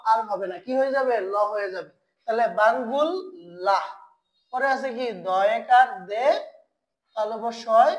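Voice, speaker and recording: A woman teaching Korean pronunciation in an online lesson, asking questions and then answering them herself, and repeating key sounds slowly for her learners. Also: a little high, rough recording.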